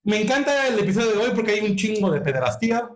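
High, animated Mexican man joking around. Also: fast, echoey room, a little hiss or hum. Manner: joking, loose banter. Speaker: podcast host. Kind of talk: casual banter.

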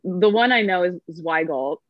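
A woman's voice: lowish voice, animated, normal speed, dry recording, muffled recording. A woman sommelier chatting casually on a podcast, full of fillers and easy laughs. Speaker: sommelier guest.

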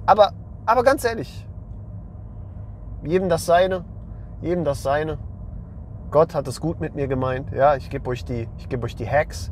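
A young man with a hoarse voice hosting a men's lifestyle channel, talking bluntly and with emphasis and slang, and often repeating himself. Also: on the high side, a little mellow, slight background noise. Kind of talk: blunt monologue to camera.

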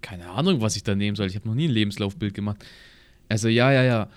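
A man's voice: fairly low pitch, fast, no echo. A young man in casual chat, telling a rambling, slang-heavy anecdote and acting out both sides of the conversation. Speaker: podcast co-host. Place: at his home computer.

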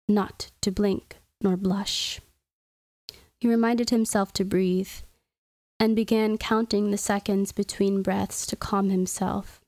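A woman reads a story aloud in a soft, measured, soothing way. Her voice sits at a middle pitch. The sound is dry and close. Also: no echo. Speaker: podcast host reading stories. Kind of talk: scripted story narration.

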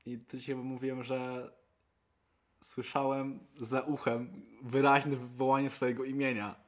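A young man co-hosting a podcast in casual chat, excitable and swearing freely, his voice jumping up for emphasis. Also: mid-range voice, unhurried. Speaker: podcast co-host.

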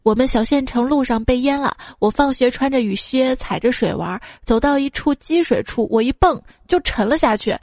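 A woman's voice: high-pitched, normal speed, hardly any pauses, a little mellow, dry recording. A woman hosting a podcast, reading out funny listener stories in a playful way and laughing at her own material. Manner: acts out the quoted parents. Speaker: podcast host.

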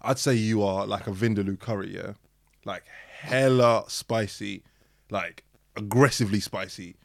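A man's voice: fairly low pitch, measured pace, creaky, dry recording, studio quality. A young man, hosting a casual chat with friends and telling jokey stories with slang and put-on voices. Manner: animated storytelling with mock voices and slang. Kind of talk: casual banter among friends.

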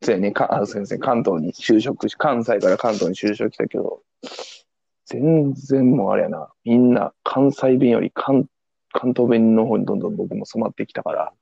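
A man's voice: lowish voice, normal speed, gravelly, dark tone, husky, no room sound, lo-fi sound. A young man with a Kansai accent co-hosting a casual podcast, teasing and laughing often. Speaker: podcast co-host. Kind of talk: casual chat.

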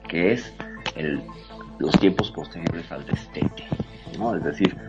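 A man's voice: deep voice, slow pace. A man explaining ideas at length in a reflective, emphatic way, full of rhetorical questions. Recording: muffled audio with music underneath.

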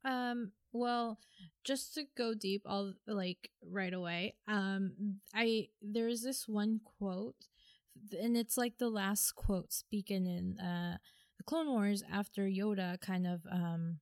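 A young woman co-hosts a casual fan podcast, talking in a loose, rambling way full of fillers and self-corrections. Her voice is mellow and soft-edged, recorded dry with no room sound. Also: mid-range voice, steady tone, takes it slowly, dry recording. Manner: rambling, many fillers and restarts. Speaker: podcast co-host.

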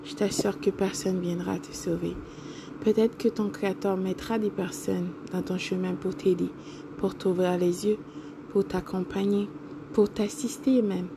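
A woman's voice: mid-range voice, flat delivery, measured pace, creaky, noisy background. A woman hosting a motivational podcast, speaking earnestly and coaxingly to the listener, often checking in with "d'accord?". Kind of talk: motivational monologue.

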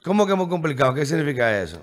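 A man with a Dominican accent interviewing a guest, loose and slangy, with quick interjections. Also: on the high side, sing-song. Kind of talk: casual interview chat.

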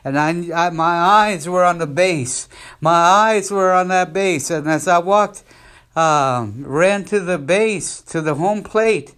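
Slow, fervent evangelist man. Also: fairly high pitch, a bit bright. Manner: fervent, repetitive preaching cadence. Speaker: missionary evangelist, podcast host. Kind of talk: podcast sermon, exhortation.

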